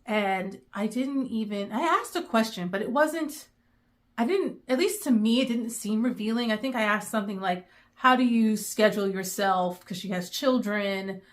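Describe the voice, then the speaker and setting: A middle-aged woman, chatting in a rambling way with many pauses, going emotional at times. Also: mid-range voice. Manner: emotional, near tears. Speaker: book vlogger. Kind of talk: casual chat.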